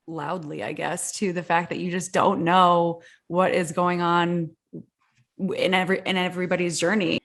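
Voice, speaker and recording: A woman's voice: lowish voice, level tone, normal speed, fairly bright tone. A woman hosting a podcast, chatting casually with fillers. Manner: conversational, with fillers. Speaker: podcast host. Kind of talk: casual interview chat.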